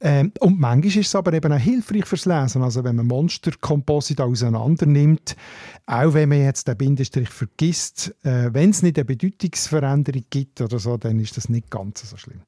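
A man with a Swiss German accent, a linguist talking through language questions in a relaxed radio conversation, often checking in with a questioning "oder?". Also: medium pitch, moderate pace, no echo, clean studio sound. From Switzerland. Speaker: linguist on a radio dialect show.

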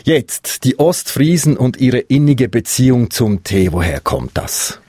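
A man's voice: medium pitch, big pitch swings, measured pace, warm tone, slightly rough, no room sound. A man hosting a radio interview, who asks curious, lightly joking questions. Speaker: radio host. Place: radio studio.

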